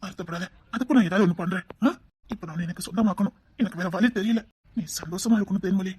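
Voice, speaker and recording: Devoted young groom, male actor. Quick, earnest and reassuring. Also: high voice, a little mellow, slightly rough, dry recording. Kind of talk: Tamil web-series drama acting.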